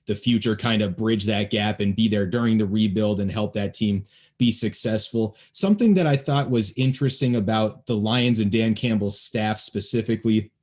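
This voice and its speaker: A man's voice: on the low side, normal speed, a little mellow. A young man hosting a casual football podcast from home, chatty and joking, on a podcast microphone. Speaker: podcast host. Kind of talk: casual sports podcast chat. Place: home, near Baltimore.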